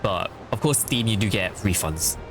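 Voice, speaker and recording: Chatty male streamer, lively and animated, casual game commentary. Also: lowish voice, normal speed, over music. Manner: chatty, filler-heavy, excitable.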